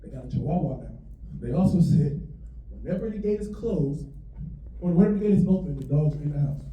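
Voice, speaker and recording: Young male stand-up comic, high animated voice, acts out his characters, heard from far off in an echoey venue with a dull mic and laughter behind. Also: quick pace. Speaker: stand-up comedian. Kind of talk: stand-up storytelling. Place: comedy venue on stage. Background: audience laughter.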